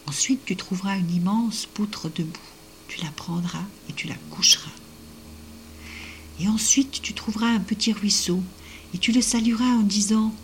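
A woman's voice: mid-range voice, a little hiss or hum, natural voice. A woman voicing a kind young man who gives careful advice, often in a whisper. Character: kind helpful young man, the ghoul's son.

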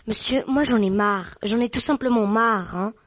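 A woman hosts an improvised mock radio show, exasperated and scolding, swearing freely and tacking "hein" onto her lines. Her voice sits high and sounds close and dry. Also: moderate pace, husky, dry recording, low-quality recording. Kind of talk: improvised comic radio sketch.

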